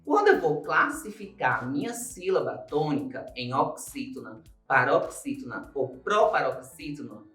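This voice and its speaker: In this recorded grammar lesson, a man who teaches Portuguese, speaking with a Brazilian Portuguese accent, moves slowly through each step, going back over key points and stretching stressed words. He sounds on the high side and a bit bright, with faint music and a roomy echo behind him.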